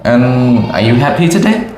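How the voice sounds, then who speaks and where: A young Cambodian woman with a Khmer accent teaches English, asking a child simple questions in a room with an echo. She is patient, repeats each answer back and praises often. Her voice is bass-low, sing-song and mellow, at a moderate pace.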